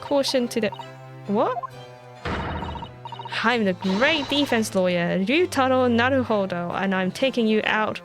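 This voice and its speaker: A woman's voice: on the high side, lively intonation, unhurried, long pauses, music in the background. A woman voicing a brash, cocky young male defense lawyer in a game, talking in a swaggering, boastful way.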